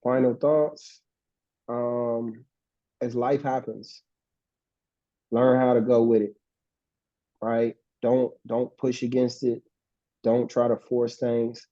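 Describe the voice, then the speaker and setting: Dark-voiced man giving earnest advice. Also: medium pitch, little pitch movement, slow pace, pauses often, dry recording. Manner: earnest, repeats exhortations. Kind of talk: motivational advice to students. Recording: dull, dry, muffled mic.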